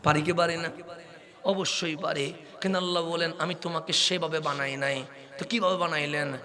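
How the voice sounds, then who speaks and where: Man, Chittagonian Bengali accent, preacher, high voice, sharp bright tone, shouted rhetorical questions. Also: steady tone. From Chittagong, Bangladesh. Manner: rapid, rising into impassioned shouting with rhetorical questions to the crowd. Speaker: Islamic preacher. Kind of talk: Bengali waz sermon.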